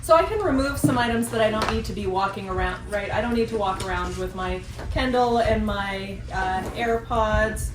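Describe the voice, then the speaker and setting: A woman's voice: medium pitch, normal speed, few pauses. Woman demonstrating a bag in a store. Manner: practical, explaining step by step. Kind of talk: live product demonstration. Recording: echoey room, distant mic, clear background noise.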